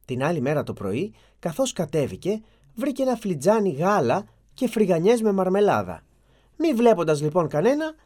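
A storyteller giving an expressive, dramatic reading of a fairy tale. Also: medium pitch.

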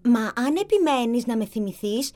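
A storyteller voicing a gentle, modest young woman in a fairy tale. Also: medium pitch, animated, pitched above the performer's own voice, natural voice. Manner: soft, modest, polite.

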